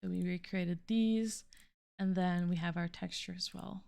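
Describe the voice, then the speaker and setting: A young adult woman, a student, gives an informal, halting walkthrough of a programming project, thinking aloud as she goes and sometimes trailing off. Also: fairly low pitch, fairly even intonation, vocal fry, a little mellow, clean tone. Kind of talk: informal screen-recorded code walkthrough.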